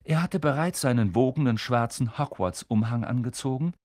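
A man reading a children's fantasy novel aloud as a lively, dramatic audiobook narrator. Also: mid-range voice, moderate pace, no room sound, clean studio sound. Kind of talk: scripted narration.

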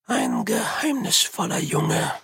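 Old sweeper monk in an audiobook, calm, musing and slow, dry close recording , read by the narrator. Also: medium pitch, vocal fry, slightly rough, no echo, voice pushed up, heavily acted.

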